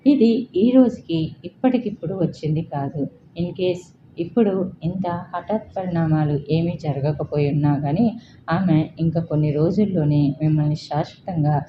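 A woman with a low voice reads a serialized drama story aloud and speaks every character's lines in a plain, steady manner. The recording sounds dull and lo-fi, with clear background noise underneath. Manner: plain steady reading, voicing all characters lightly.

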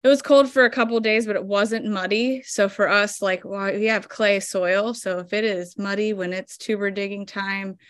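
A woman in her thirties, a flower farmer appearing as a guest, explains her work step by step with plenty of fillers. She's on a video call from a room in her home, using a webcam, with no echo. Her mid-range voice holds a steady tone at a moderate pace with hardly any pauses.

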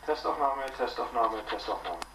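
A man's voice: mid-range voice, expressive, moderate pace, creaky, bright, forceful tone, husky. A man's test phrases, recorded on a dictaphone and played back through a small FM radio, repeated and trailing off each time.

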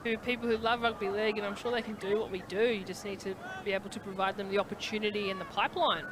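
A woman's voice: medium pitch, flat delivery. Chatty woman commentating outdoors. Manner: chatty, quick to laugh. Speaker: match commentator. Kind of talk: live sports commentary. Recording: outdoor broadcast with background noise.

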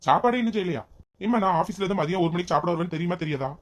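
A woman's voice: extremely low pitch, fairly even intonation, very fast, voice pushed down. A woman voicing a grumbling, impatient young husband in a comedy family skit. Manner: complaining, whiny pleading.

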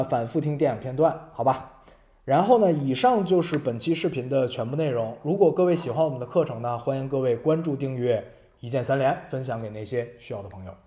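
Mellow-voiced male English teacher. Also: medium pitch. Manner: explains step by step, often checks with tag questions; mixes English example sentences into Mandarin. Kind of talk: video vocabulary lesson.

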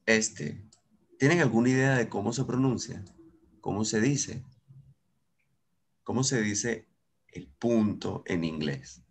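A man's voice: on the low side, slow, pauses often, breathy edge. A man with a Venezuelan accent teaching English in an online class, switching between Spanish and English, patient and encouraging.

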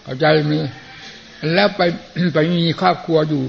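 An older man, a Buddhist monk, giving a plain-spoken, folksy sermon and often clearing his throat. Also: on the high side, measured pace. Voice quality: gravelly. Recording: muffled lo-fi archive recording with faint hiss.

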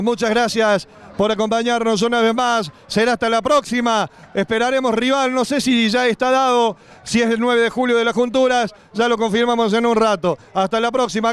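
An Argentine man commentates on football in a clear, high voice. He is emphatic and builds his points by repeating phrases. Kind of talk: live sports commentary. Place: outdoors at a small football ground.

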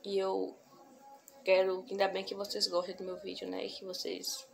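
Young woman with a gravelly, flat voice. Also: mid-range voice, faint music behind. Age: young adult. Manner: soft-spoken, repeats herself, pauses to collect thoughts. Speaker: vlogger. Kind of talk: casual heartfelt vlog talk. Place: small home room, on a couch. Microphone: phone camera at arm's length. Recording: noisy home phone recording.

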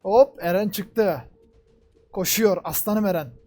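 Young man yelling at an anime episode. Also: slow, soft background music. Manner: talks at the screen, urging and cheering characters on; swings between loud outbursts and low muttering. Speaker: reaction video creator. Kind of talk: live reaction to an anime episode.

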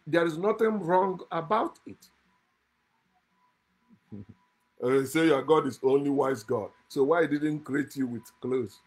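Seated at a desk in an indoor room, a middle-aged channel host delivers a fiery, scornful monologue to camera, chuckling between points. His voice is on the high side and slightly rough, moving slowly with frequent pauses. The recording quality is rough.

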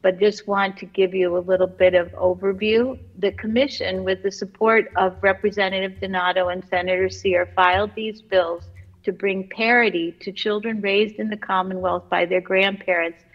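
A woman's voice: mid-range voice, fairly even intonation, normal speed. A woman testifying remotely by video call as a commission chair, delivering composed, formal prepared remarks. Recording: dull video-call audio.

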